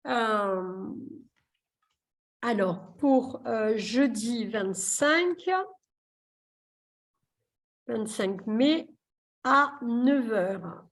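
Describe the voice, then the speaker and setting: A woman's voice: a little high, drawn-out words, pauses often. A woman therapist hosting a live video session in a chatty, joking way, with many fillers. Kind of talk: casual live chat. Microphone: computer mic on a video call.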